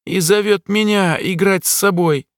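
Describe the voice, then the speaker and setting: A man voicing a young male jester and fire mage with a squeaky voice, in an audiobook. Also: fairly even intonation, normal speed, dry recording, clean studio sound, natural voice. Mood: excited.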